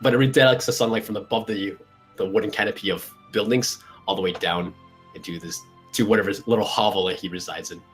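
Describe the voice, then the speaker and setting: Husky male game master over music. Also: on the low side, fairly even intonation. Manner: halting, descriptive, searching for words. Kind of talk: improvised tabletop game narration.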